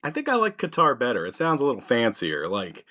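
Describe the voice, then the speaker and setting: A man's voice: mid-range voice, wildly swooping pitch, a little fast, bright, forceful tone. A man co-hosting a casual satirical news podcast, making wry jokes with hesitant starts. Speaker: podcast co-host.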